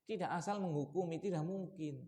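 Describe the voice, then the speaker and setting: A man preaching at a mosque study session, asking his listeners questions and shifting between raised warnings and quiet asides. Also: fairly quick. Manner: lively, shifts from loud warnings to low asides, asks the audience questions. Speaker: Islamic preacher.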